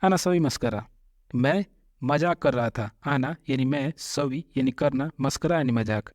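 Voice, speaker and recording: A man teaching a spoken Arabic lesson. He says each phrase twice, slowly, then explains it word by word. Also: medium pitch, a little mellow, no room sound, clean studio sound. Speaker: language teacher.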